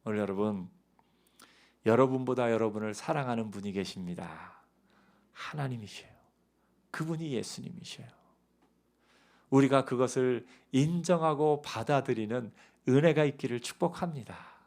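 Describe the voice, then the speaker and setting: A man preaching an evening church sermon as pastor, swinging from raised, pleading lines to soft, quiet asides. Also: medium pitch, moderate pace, pauses often.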